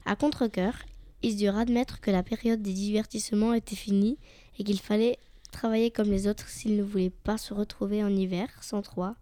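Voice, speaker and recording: A woman reading a fairy tale aloud in a calm, steady storybook style. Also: mid-range voice, moderate pace, no room sound. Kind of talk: storybook narration.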